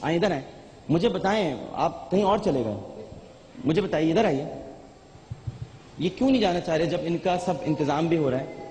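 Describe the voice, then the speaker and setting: A man's voice: fairly high pitch, normal speed, long pauses, a little mellow. A man hosting a live TV show, coaxing and insistently questioning the people with him. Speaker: TV show host. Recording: hall reverb, faint noise.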